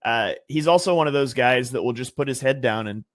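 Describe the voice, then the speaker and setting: On a casual sports podcast, a male guest draft analyst talks through draft picks, thinking aloud with lots of ums and restarts. His middle-pitched voice moves fairly quickly and sounds conversational and analytical. The recording is dry and close, with no echo or room sound.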